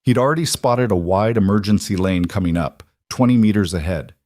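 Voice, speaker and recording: Calm guy narrating a story, low voice, dry close mic. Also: brisk, no room sound.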